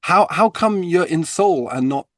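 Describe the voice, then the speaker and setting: A man's voice: fairly high pitch, animated, unhurried, no echo. A man from Britain hosting an interview podcast, asking questions politely and eagerly, with the odd stumble. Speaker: podcast host. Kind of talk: interview conversation.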